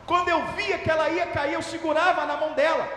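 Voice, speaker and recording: High-voiced Brazilian pastor in echoing hall. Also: male voice, little pitch movement, fast talker, a little hiss or hum. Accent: Brazilian Portuguese. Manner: impassioned preaching, shouting at peaks. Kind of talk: sermon. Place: church. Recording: echoey church hall reverb.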